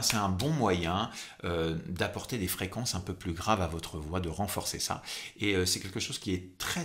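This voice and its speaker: A man's voice: fairly low pitch, a bit bright. A man giving an informal vocal technique lesson as a singing coach, conversational and instructional, drawing out key words for emphasis.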